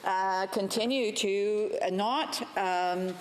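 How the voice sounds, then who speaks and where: Lady chairing parliament, halting n official, scolding members, echoey hall, medium pitch. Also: a little hiss or hum. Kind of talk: procedural rulings in parliamentary debate. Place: large parliamentary chamber. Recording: reverberant chamber.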